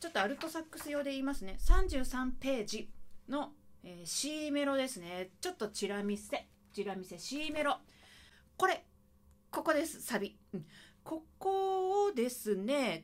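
A woman with a high, bright-pitched voice gives a saxophone lesson. She talks in a lively, chatty way that swings up and down, and she breaks into scat syllables to show the rhythm. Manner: lively, chatty, sings and scats phrases to demonstrate. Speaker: saxophone teacher. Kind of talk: video music lesson.

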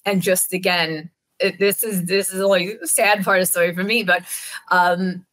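Lowish voiced jersey woman on a video call, earnest and reflective, telling her own story. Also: steady tone, normal speed, fairly bright tone. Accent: New Jersey. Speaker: keynote speaker, counselor in recovery. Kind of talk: personal recovery story in a video-call conversation. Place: home room, indoors.

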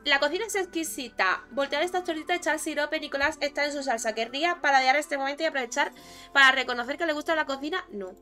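A woman's voice: high-pitched, fast talker, pushed and bright, soft background music. A woman from chatting casually over her life-sim gameplay, joking with viewers and talking to the characters on screen. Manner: chatty, jokey, talks to viewers and game characters. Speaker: gaming YouTuber. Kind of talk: casual Let's Play commentary.

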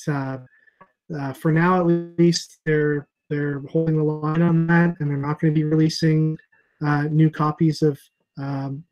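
Fairly high in pitch and a little mellow, this voice comes from a comic shop owner in his thirties. Hosting a casual video call from a room at home through an earphone headset, he rambles somewhat, with lots of fillers and restarts.

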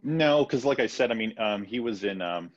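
Speaking from home on a video call, a Peruvian-born physician in his thirties, raised in Florida, fumbles through interview answers with lots of fillers and false starts. He has a lowish voice with lively intonation and a normal speed. There's no echo, though the call audio sounds dull and lo-fi.

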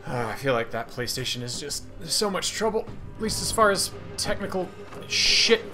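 A man giving casual gameplay commentary as a streamer, excitable and cursing at enemies while game music plays. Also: fairly high pitch, normal speed. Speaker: gaming streamer. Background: game audio and music.

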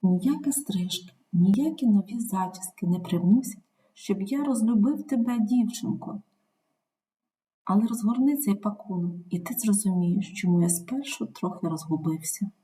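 A woman reading the lines of a young husband, gentle and reassuring. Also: mid-range voice, normal speed, distant mic, lightly acted. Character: young husband, calm and loving.

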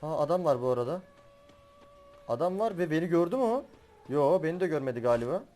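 Excitable high-voiced young gamer man. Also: fast, soft background music. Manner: excitable, swears and laughs while playing. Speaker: gaming YouTuber. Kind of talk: live gameplay commentary.

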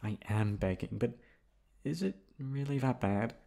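A male voice actor performs an audio roleplay as a teasing, tender boyfriend in an intimate ASMR setting, coaxing and pleading playfully. He speaks a little slowly at medium pitch, his voice gravelly and warm.

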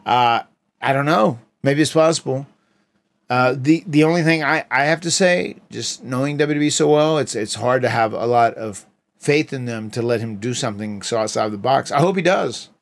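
A man's voice: medium pitch, normal speed. A middle-aged man co-hosting a livestream, talking casually and rambling with fillers and restarts. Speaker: retired pro wrestler, co-host.

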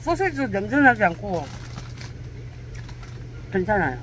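A man's voice: high voice, big pitch swings, unhurried, a bit bright, slight background noise. A man giving casual, candid verdicts on food as he tastes it, speaking with his mouth full. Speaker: food vlogger. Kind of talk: casual taste-test commentary.

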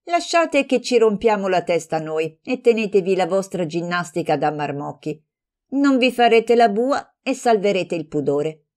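A woman's voice: medium pitch, unhurried, few pauses, pitched above the performer's own voice, lightly acted. A woman reading an audiobook, voicing a proud, self-assured woman who answers with ironic, cutting remarks. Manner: ironic, cutting, then calm and dismissive.

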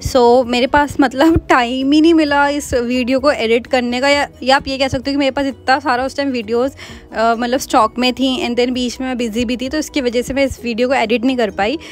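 A young vlogger from Uttarakhand, India, narrates her family vlog in a chatty, casual way, mixing Hindi and English. Her voice is high-pitched and steady, moving along fairly quickly.

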